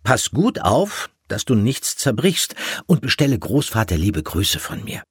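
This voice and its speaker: Storybook: man voicing a busy hedgehog mum, high, husky, bossy. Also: big pitch swings, measured pace, no room sound, studio quality, heavily acted. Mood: bustling.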